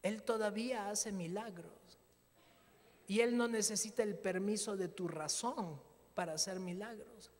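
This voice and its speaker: A man preaching a sermon as pastor, telling stories in a lively way and acting out the dialogue. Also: sits high, a little slow, big-room sound. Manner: animated storytelling, acting out dialogue.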